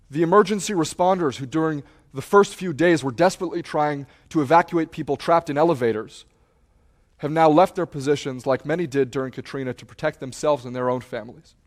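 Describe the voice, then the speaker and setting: Man giving a dramatic storytelling talk. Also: a little high. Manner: repeats a refrain with rising, building intensity; acts out shouts and quotes.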